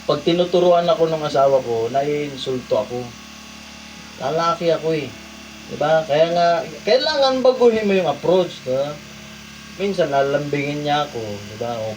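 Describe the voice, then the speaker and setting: A man from the Philippines preaching a sermon, asking the congregation rhetorical questions and swinging between loud emphasis and quiet asides. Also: a little high, distant mic, a little hiss or hum, low-quality recording. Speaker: pastor. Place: church hall.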